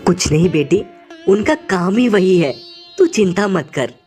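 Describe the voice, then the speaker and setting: A woman voicing a poor hardworking maid and mother, soft and humble, in an animated story. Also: on the low side, measured pace, soft background music. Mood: gentle.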